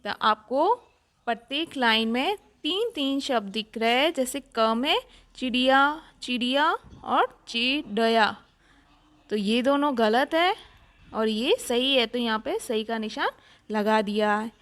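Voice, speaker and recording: A woman's voice: fairly high pitch, expressive, unhurried, a bit bright. A woman teacher patiently walking through a children's worksheet, explaining each answer step by step. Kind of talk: worksheet walkthrough lesson.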